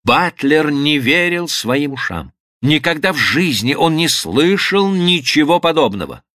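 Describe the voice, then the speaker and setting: Guy reading a novel audiobook, bright voice, lots of pitch movement, dry close sound. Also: measured pace, no echo. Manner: expressive literary reading. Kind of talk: audiobook narration.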